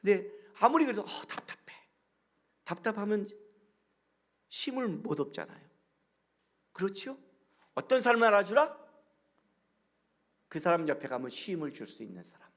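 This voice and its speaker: Animated male pastor preaching. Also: high-pitched, moderate pace, long pauses. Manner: animated storytelling with acted-out dialogue. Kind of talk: guest sermon.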